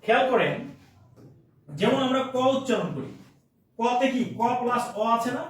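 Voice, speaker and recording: Echoey high-voiced male teacher, repeating words. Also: lively intonation, normal speed, far from the mic, a little hiss or hum. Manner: repeats key words and keeps checking in with listeners. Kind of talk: grammar lesson.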